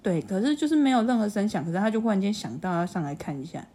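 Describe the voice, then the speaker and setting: A woman's voice: medium pitch, sing-song, racing, warm tone. Young woman, chatty podcast talk, keeps restarting sentences. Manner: chatty, restarts a lot, acts out childish voices in quotes. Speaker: podcast co-host telling childhood stories. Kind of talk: casual chat. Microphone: desk USB condenser mic.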